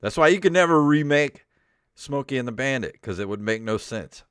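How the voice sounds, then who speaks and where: Speaking a little fast with lively intonation, this middle-aged man's mid-range voice is smooth and fairly bright as he hosts a comedic podcast. He rambles, swears, and sounds mildly exasperated while chatting casually and reading aloud. The dry, clean studio recording carries royalty-free synth music under his voice.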